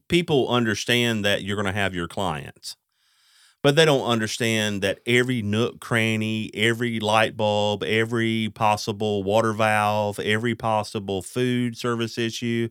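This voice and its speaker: A man's voice: lowish voice, moderate pace, fairly bright tone, clean tone, no echo, clean studio sound. A man hosting a podcast, chatting casually with fillers and restarts. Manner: conversational, lots of fillers and restarts. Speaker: podcast host. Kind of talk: casual interview chat.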